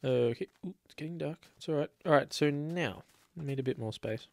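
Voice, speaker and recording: A let's play host from Australia gives loose, rambling commentary on a building game while nursing a slight cold. He talks a little fast in a creaky voice that sits slightly high.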